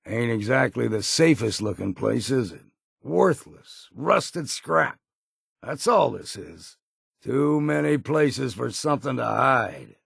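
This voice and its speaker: A grizzled old hunter from a video game, with a deeply gravelly, husky voice. He talks slowly in a folksy, old-timer way, gruff and wary but good-humored. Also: animated, fairly bright tone, no room sound, clean studio sound, heavily acted. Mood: disdainful, grumbling. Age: older. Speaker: video game companion character. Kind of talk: scripted game voice lines.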